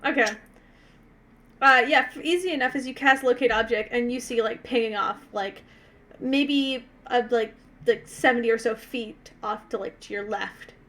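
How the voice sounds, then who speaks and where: A woman running a tabletop game, narrating off the cuff in a casual, sweary way with dramatic pauses. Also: fairly high pitch, a bit bright. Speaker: game master.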